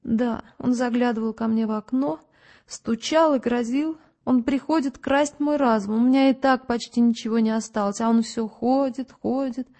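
A woman's voice: on the high side, normal speed, warm tone, lightly acted. A woman voicing a timid, unhinged male investigator who apologizes endlessly and speaks tearfully. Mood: tearful apologetic. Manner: tearful, timid, over-polite.

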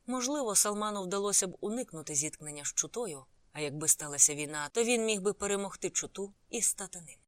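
A woman's voice: mid-range voice, expressive, quick pace, hardly any pauses, no echo. A woman narrating a novel as an audiobook, reading the characters' lines in her own voice.

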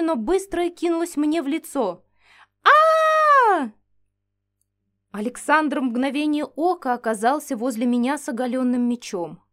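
Animated woman reading a fantasy audiobook. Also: high-pitched. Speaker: audiobook narrator. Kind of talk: first-person fantasy audiobook narration.

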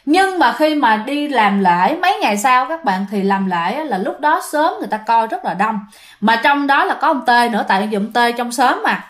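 Woman, Southern Vietnamese accent, high voice, chatty ghost-story narration, talks to listeners. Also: expressive, moderate pace. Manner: chatty, addresses listeners often. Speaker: storyteller and channel host.

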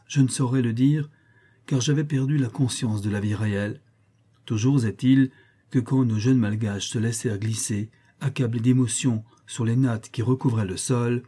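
Male audiobook narrator; measured, expressive delivery, dark and husky tone. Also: mid-range voice.

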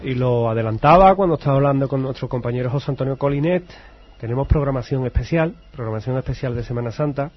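Husky-voiced male radio host. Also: mid-range voice, fast, no echo, soft background music. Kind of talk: radio hosting. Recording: dull radio sound.

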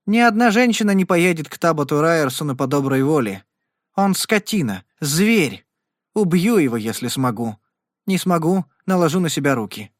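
A man's voice: fairly high pitch, sing-song, normal speed, no room sound, clean studio sound. A man voicing a frightened, proud frontier woman. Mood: fearful.

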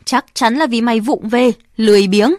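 A woman voicing a gruff, shouting male factory foreman who barks orders at the girls. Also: a little high, moderate pace, no echo, clean studio sound, lightly acted. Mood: angry shouting. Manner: bossy, barking orders.

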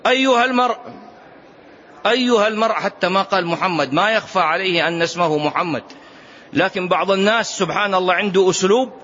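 Male lecturer with a high voice, emphatic religious lesson, rhetorical questions and repetition, dull lo-fi recording. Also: a bit bright, a little hiss or hum. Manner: emphatic, asks rhetorical questions and repeats key phrases. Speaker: Islamic lecturer.

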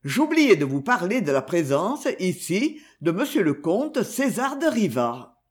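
A coolly triumphant detective, read by a man in a lively audiobook reading. The voice sits high and swings freely through its pitch, and it keeps a mocking, self-assured edge. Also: measured pace. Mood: calm ironic. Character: suave ironic male detective, coolly triumphant.

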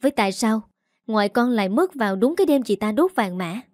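A woman voicing an angry young sister-in-law who hurls fast, accusing words. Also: a little high, lively intonation, no echo, studio quality.

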